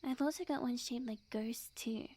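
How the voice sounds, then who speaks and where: In this ASMR roleplay, the woman voicing a sweet but obsessive witch girlfriend keeps things soft, breathy, coy and unhurried, often whispering. She pitches on the high side with a breathy edge and comes across as coy and bashful.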